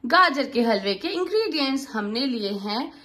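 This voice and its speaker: A woman's voice: sits high, big pitch swings, normal speed, sharp tone, roomy sound. Chatty woman teaching home cooking. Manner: chatty, explains each step to viewers. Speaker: cooking channel host. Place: home kitchen.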